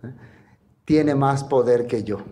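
A man preaching a sermon in a lively storytelling manner, full of rhetorical questions. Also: mid-range voice, slow pace. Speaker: pastor.

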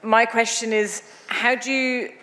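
A woman in the audience asking a question, explaining it clearly with an example. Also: fairly high pitch, steady tone, measured pace, bright, forceful tone. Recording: hall reverb.

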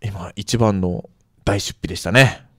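A man's voice: on the low side, measured pace, a bit bright, dry recording, clean studio sound. A man hosting a radio show, chatting casually and laughing at his own mistakes. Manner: laid-back, self-mocking, laughs often. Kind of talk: casual chat. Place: radio studio.

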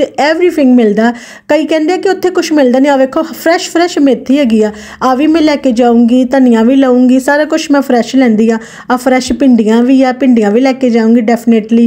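A woman's voice: high voice, warm tone. A woman in her thirties with a Punjabi accent, narrating a casual daily vlog in a chatty, informal, exclamatory way. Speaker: vlogger.

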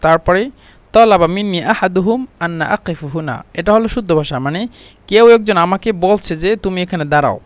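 A man with a fairly high voice teaches a language lesson, repeating each phrase slowly and patiently before he explains it. The sound is dry and close, with no room echo at all.

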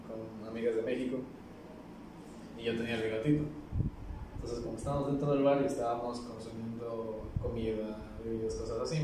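Young man, podcast guest, an animated storyteller heard from a distance in a booming, noisy room. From Ecuador. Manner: lively storyteller, keeps saying "literally". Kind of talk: casual chat. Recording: roomy echo, distant mic, noisy.

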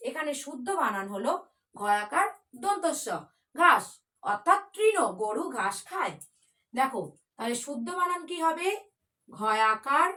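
A woman's voice: high-pitched, pushed and bright. A woman teaching a children's spelling class in a patient, coaxing way, spelling words out letter by letter.

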